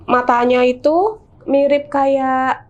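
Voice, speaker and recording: A woman with a Javanese accent, a guest telling her own horror experience in casual chat, animated and vivid with lots of fillers. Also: high voice, takes it slowly, highs cut off. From Semarang, Central Java, Indonesia.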